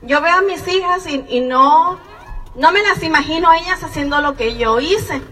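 A woman in her thirties, from Mexico, giving a slow, earnest and encouraging personal testimony. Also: high voice, pushed and bright. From Mexico (Jalisco and Colima). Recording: far from the mic in a reverberant hall.

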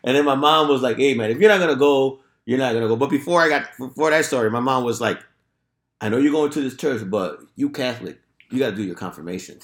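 A man's voice: mid-range voice, fast. A man telling stories casually in streetwise, profanity-laden slang, peppering his speech with bro and dude. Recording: roomy, echoing room sound.

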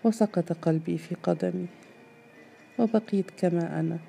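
A woman's voice: lowish voice, moderate pace, gravelly, warm tone, faint music behind. A woman narrating a first-person story in a reflective, subdued way.

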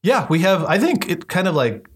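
A man co-hosting a casual film discussion podcast, animated, with his pitch often jumping up. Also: moderate pace, husky. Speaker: podcast co-host.

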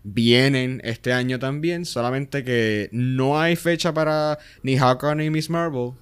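Clear-voiced Puerto Rican man, casual Spanglish. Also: mid-range voice, unhurried. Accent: Puerto Rican Spanish. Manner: Spanglish, dropping English words into Spanish. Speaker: podcast co-host. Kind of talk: casual chat.

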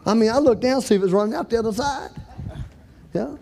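High-voiced folksy storyteller man. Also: fast talker, creaky, slight background noise. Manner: folksy Southern-style storytelling, acts out shouts for help. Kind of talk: storytelling talk to an audience.

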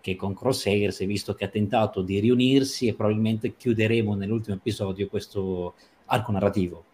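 A man discussing a TV episode on a livestream, talking emphatically and stretching or rushing phrases for stress. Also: on the low side, fairly even intonation, a little mellow, slight background noise. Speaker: series commentator.

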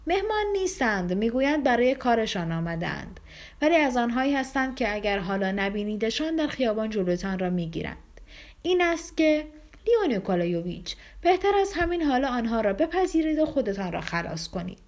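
A woman voicing an impatient young woman in an audiobook, with hurried, urgent speech. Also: on the high side, big pitch swings.

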